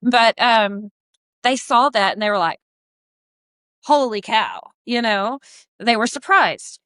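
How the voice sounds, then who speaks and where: Bright-voiced woman telling a story. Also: a little high, measured pace, clear, resonant tone, no room sound. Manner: animated, acts out what people said. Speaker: guest, harness business owner. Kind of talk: casual storytelling.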